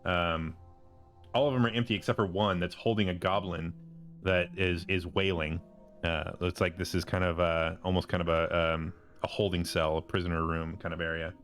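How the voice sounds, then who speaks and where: A man runs a tabletop game as game master, describing the scene in a very deep voice. His narration wanders and is full of fillers. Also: fairly even intonation, moderate pace, fairly bright tone, soft background music. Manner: loose narration full of "uh" and "kind of".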